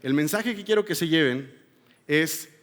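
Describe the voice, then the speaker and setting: Pastor preaching in a reverberant hall. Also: male voice, a little high, lively intonation, moderate pace. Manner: emotional, swings from loud appeals to hushed confession. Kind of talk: sermon. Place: church hall.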